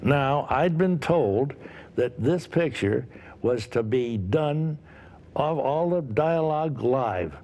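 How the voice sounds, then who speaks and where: An older man being interviewed tells animated stories from a film set. He acts out the shouting with energy, at a medium pitch. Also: takes it slowly, lo-fi sound.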